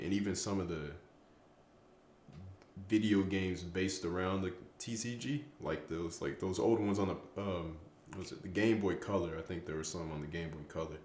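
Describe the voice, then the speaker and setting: A man's voice: low-pitched, normal speed, darkish tone, echoey room, slight background noise. A tired young man chatting casually on a late-night stream, rambling and stumbling over his words, with self-mocking trash talk. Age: young adult. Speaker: streamer answering chat.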